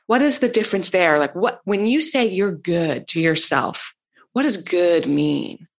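A woman hosts a podcast with a slightly low-pitched voice. She speaks in a calm, measured and encouraging way, moving between a scripted intro and gentle interview questions. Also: gravelly. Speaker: podcast host.

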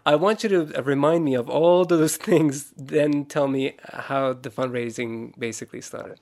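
A man's voice: medium pitch, normal speed, a little mellow. A man hosting a podcast interview, easygoing and hesitant, with many fillers. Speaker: podcast host. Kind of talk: casual interview.

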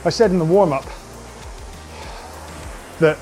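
Slow, measured male rowing coach. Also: fairly high pitch, darkish tone, soft background music. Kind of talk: workout coaching.

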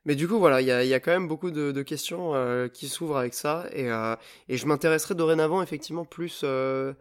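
A man's voice: on the high side, quick pace, clear, resonant tone. A man hosting a casual podcast chat, talking hesitantly with many filler sounds and restarts. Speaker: podcast host.

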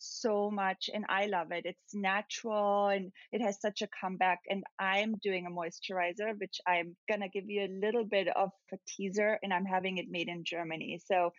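A woman's voice: mid-range voice, fairly even intonation, normal speed, hardly any pauses, no room sound. A woman from Austria, a makeup artist, chatting casually on a podcast and laughing often. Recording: dull dry remote mic sound.

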